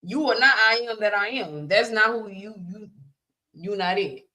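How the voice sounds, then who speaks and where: A woman's voice: mid-range voice, moderate pace, bright, forceful tone. A woman co-hosting a podcast, chatting casually, laughing often and pressing her points with emphatic repetition. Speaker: podcast co-host. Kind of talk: casual chat.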